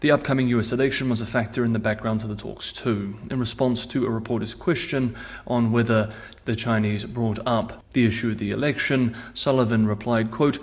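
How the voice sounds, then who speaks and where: A man's voice: medium pitch, fairly even intonation, brisk. Male news host on a meeting room mic. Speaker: host of a news analysis show. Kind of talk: scripted news commentary.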